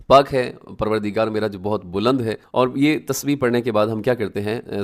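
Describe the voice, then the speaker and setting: A man teaching prayer recitation as a religious teacher, chanting each phrase slowly and drawn out, then explaining his corrections briskly. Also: medium pitch.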